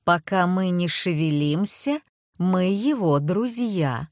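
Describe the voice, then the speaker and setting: A man's voice: takes it slowly, no room sound, studio quality. A woman reading a storybook, voicing a frightened husband who urgently tells his wife not to move. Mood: tense hushed. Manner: urgent, low insistent warnings. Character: frightened husband facing a crocodile, trying to stay calm.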